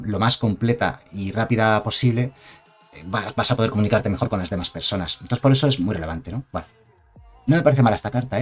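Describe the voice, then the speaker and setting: Low-voiced Spanish man streaming casually. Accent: Spain Spanish. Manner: chatty, digressive, reads chat aloud. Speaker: streamer reviewing game cards. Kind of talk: casual live-stream commentary.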